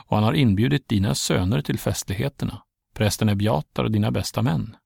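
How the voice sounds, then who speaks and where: An urgent court prophet pressing his case before the queen and king, read by a male narrator. His voice is low and thickly gravelly, persuasive and pressing, recorded dry and close. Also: a little mellow, no room sound, full character voice. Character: bold court prophet urging action.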